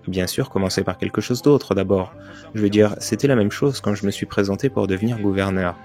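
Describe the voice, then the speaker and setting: A man's voice: fairly low pitch, fairly quick, a little mellow, soft background music. A man giving a dubbed first-person motivational talk, telling his story earnestly with emphatic turns. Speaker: voice-over narrator of a motivational speech.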